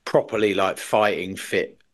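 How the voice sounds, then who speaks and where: A man's voice: low-pitched, fairly even intonation, measured pace. A British man chatting casually in a blunt, sweary, exaggerating way. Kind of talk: casual chat.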